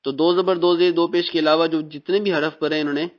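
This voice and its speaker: A man from Pakistan teaching Quran reading in a recorded lesson, patiently explaining and drilling letter sounds slowly. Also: fairly high pitch, fairly even intonation. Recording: dull, muffled recording.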